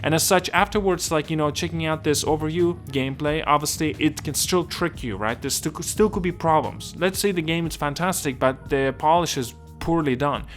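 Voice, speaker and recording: A man's voice: a little high, normal speed, hardly any pauses, soft background music. A man from Estonia hosting a casual gaming video, rambling and restarting sentences while often asking whether he makes sense.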